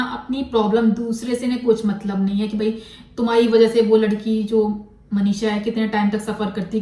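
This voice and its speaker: A woman's voice: fairly high pitch, mellow, distant mic. A woman giving blunt, scolding commentary in a vlog, mixing English words into her talk. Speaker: commentary vlogger. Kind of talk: critical commentary on a controversy. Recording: echoey room, voice from off-mic.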